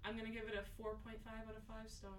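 A young woman talks through a film review in a casual, playful way, using lots of "like" and "you know". She sounds relaxed and chatty. Her voice comes from a little back from the microphone. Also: a little high, fast, echoey room, recorded from a distance. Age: young adult. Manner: laid-back, filler-heavy, playful slang. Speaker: podcast co-host reviewing a film.

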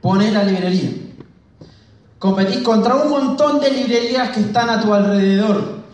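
A man with an Argentine accent giving a live, animated business talk, telling stories quickly and speaking straight to the audience in a large hall. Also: high-pitched. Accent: Argentine Spanish. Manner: fast, animated storytelling, addresses audience. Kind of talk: live motivational talk with anecdotes. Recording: very echoey hall, voice from far off.

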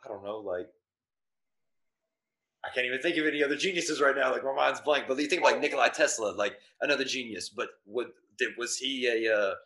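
Male co-host, bright tone, rambly casual chatter. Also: medium pitch, fairly quick, low-quality recording. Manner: rambling, filler-heavy, restarts sentences. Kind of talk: casual chat.

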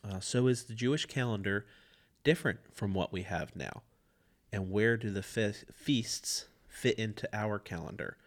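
A man's voice: on the low side, normal speed. A man hosting a podcast, speaking plainly and directly in a casual discussion. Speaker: podcast host.

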